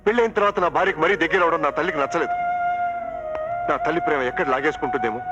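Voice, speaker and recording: A man in a film melodrama, pouring out passionate, wounded speeches at a rapid clip in a raised voice. Heavy music plays under his lines throughout. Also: on the high side, lively intonation, muffled recording. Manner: impassioned pleading turning to angry shouting. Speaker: actor playing a struggling film director. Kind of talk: emotional film drama. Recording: film soundtrack with loud music.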